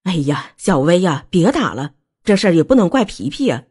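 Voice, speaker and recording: A woman voicing a middle-aged mother-in-law who scolds sharply in a slightly lowered voice. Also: sing-song, brisk, a little mellow, breathy edge, heavily acted. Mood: soothing.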